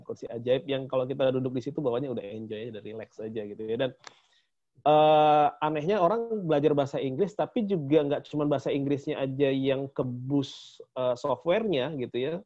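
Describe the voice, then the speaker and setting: A man's voice: medium pitch, warm tone. A man co-hosting a casual promotional chat about a training, chatty and laughing often. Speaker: co-host of a training talk. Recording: dull lo-fi sound.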